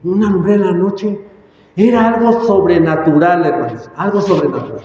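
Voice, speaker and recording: Male pastor, high-pitched, emphatic sermon, heavy echo, dull lo-fi sound. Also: moderate pace, darkish tone, a little hiss or hum. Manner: emphatic preaching, repeats words, coughs and apologizes. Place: church hall. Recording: echoey church hall, dull sound.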